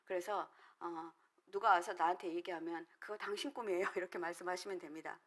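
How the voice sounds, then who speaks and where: A woman's voice: fairly low pitch, fairly even intonation, brisk, a bit bright. Korean woman pastor preaching earnestly. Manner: earnest, explanatory, with frequent "예" fillers. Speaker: counselor trained in dream analysis. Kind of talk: sermon at a prayer meeting.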